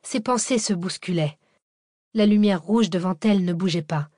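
Woman, audiobook narrator, measured thriller reading, dry close mic. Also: fairly low pitch, a little mellow, dry recording.

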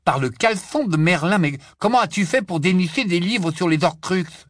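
A man voicing a blunt, impatient teenage boy wizard who talks in loud exclamations. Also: mid-range voice, normal speed, dry recording, clean studio sound, close to an everyday voice.

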